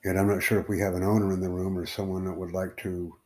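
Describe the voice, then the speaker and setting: A man from the United States hosting a live stream, chatting casually with strangers in a rambling, halting way full of fillers. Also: low-pitched, flat delivery, darkish tone. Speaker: livestream host.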